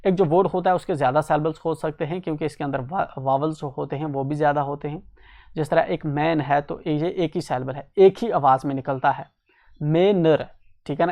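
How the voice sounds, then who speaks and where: Man, teacher, classroom lesson, Hindi explanation, letter-by-letter spelling, repeated filler, slow English reading, quick explaining. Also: a little high, gravelly, a little mellow. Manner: reads English lines slowly, then explains fast.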